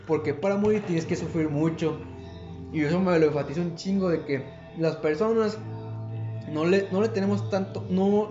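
A man's voice: high voice, dark tone. A young man with a Mexican Spanish accent, chatting casually and rambling with lots of slang and swearing. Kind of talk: casual chat. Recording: echoey room, dull lo-fi sound, music behind.

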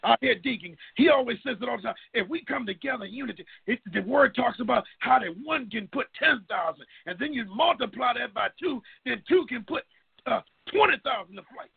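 This middle-aged man speaks in a very high voice that is creaky and slightly rough, with lively intonation and a slightly fast pace. As he leads a group in spontaneous, fervent prayer, he pleads and keeps calling out to God. The sound is thin and tinny, like a phone call.

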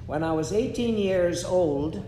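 A man, preaching in short measured phrases and pausing after each one for an interpreter. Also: animated. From Guyana. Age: 70s. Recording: echoey room with a faint rumble.

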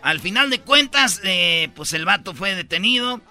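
A man's voice: sits high, lively intonation, normal speed, pushed and bright. A man hosting a comedy radio show, telling stories rowdily with slang and sound effects. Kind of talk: joking radio banter.

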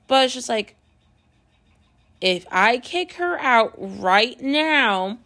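A woman talking casually to her viewers in a relaxed vlog. She tells gossipy stories with plenty of fillers and acts out the voices of the friends involved. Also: a little high, extremely slow. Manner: chatty, gossipy storytelling with lots of fillers. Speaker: vlogger.

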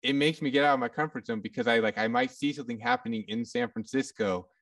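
A man, a photographer, talking in a casual, halting way with lots of fillers. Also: medium pitch, big pitch swings, creaky, a bit bright, recorded from a distance. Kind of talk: casual podcast chat.

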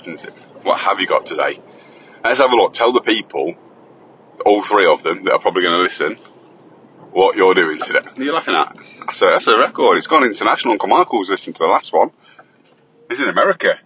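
A man's voice: low voice, animated, fast, long pauses, bright, forceful tone, dull audio, a little hiss or hum. A man chatting and joking as he hosts his own school-run recording from the car, teasing and bantering. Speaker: host and father on the school run. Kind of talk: casual chat while driving. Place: inside a car on the road. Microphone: phone voice recorder.

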